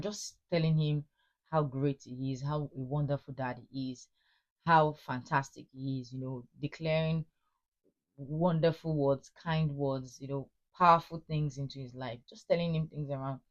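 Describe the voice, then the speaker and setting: A woman's voice: rumbling low, highs cut off. A middle-aged woman giving earnest, encouraging marriage advice and repeating phrases for emphasis. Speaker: marriage advice channel host. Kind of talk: casual advice talk to wives.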